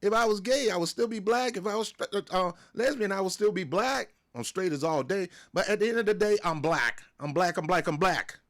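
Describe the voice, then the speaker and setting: An American man hosts a wrestling show, ranting his opinions to camera in a casual, emphatic style, repeating himself, stumbling, and restarting. His voice sits high with lively intonation and a fairly bright tone, moving fairly quickly with few pauses.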